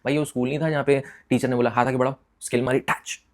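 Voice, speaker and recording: Fast-talking young Indian man. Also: medium pitch. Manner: animated, mixes English into Hindi, swears freely. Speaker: vlogger telling a personal story. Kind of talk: casual storytelling with crude slang.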